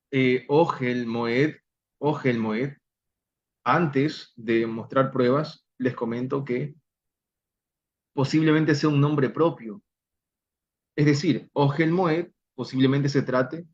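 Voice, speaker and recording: Slow, deliberate male Bible teacher. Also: mid-range voice, highs cut off. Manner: slow, deliberate, spells out Hebrew words. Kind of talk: online Bible study lesson.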